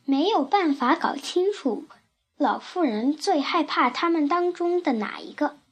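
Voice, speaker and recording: A woman reading a children's picture book aloud with expressive storytelling narration. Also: high-pitched, measured pace, soft background music.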